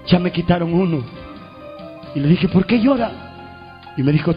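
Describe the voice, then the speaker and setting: High-voiced preacher giving a fervent testimony, dull lo-fi recording, faint music behind. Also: male voice. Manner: shouts proclamations, storytelling with call and response.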